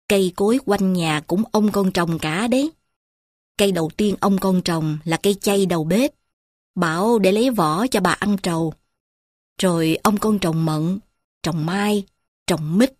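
A woman voicing a poor, grieving old village grandmother who murmurs softly and slowly to her granddaughter. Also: medium pitch, no room sound, studio quality, lightly acted. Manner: soft, slow confiding murmur.

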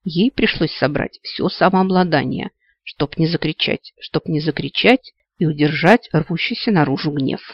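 A man narrates a fantasy audiobook with expressive storytelling. His voice sits a touch high. The recording is dry with no room sound and a slightly dull, muffled tone. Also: moderate pace, dry recording.

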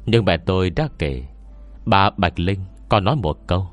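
A man's voice: sits low, moderate pace, no echo, soft background music, lightly acted. A man voicing a reserved scholar who solemnly recounts memories in an audiobook story. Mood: measured. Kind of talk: audiobook character dialogue.

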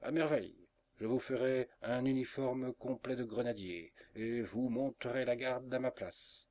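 A man's voice: mid-range voice, unhurried, a little mellow, dry recording, lightly acted. A man voicing a bossy, jovial man who orders a bear around in a storybook reading. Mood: commanding. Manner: commanding, theatrical.

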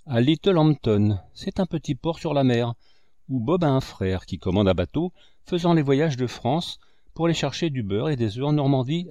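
A man's voice: medium pitch, dark tone, no room sound, close to an everyday voice. An eager young boy, read by a male narrator pours out how his friend was saved, earnest and devoted. His voice rises and falls freely. The sound is close and dry.

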